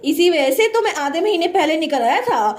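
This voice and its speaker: A woman's voice: very high voice, animated, normal speed, a little mellow. A woman reading a fussy, deferential priest. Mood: formal, earnest. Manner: overly formal and deferential. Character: polite, fussy male priest, adult.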